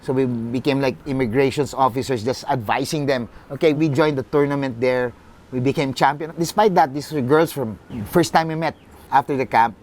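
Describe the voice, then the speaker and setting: Middle-aged Filipino-accented club executive, earnest storyteller, even pitch, light noise floor. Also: male voice, fairly quick. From Philippines. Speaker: football club CEO. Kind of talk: personal storytelling.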